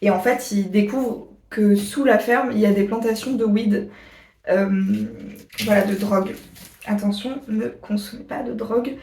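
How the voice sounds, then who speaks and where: A woman vlogger chatting casually to her viewers, rambling and pausing often on fillers. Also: mid-range voice, fairly even intonation, a little mellow, distant mic, slight background noise. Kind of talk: casual chat to camera. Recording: echoey room, voice a bit off-mic.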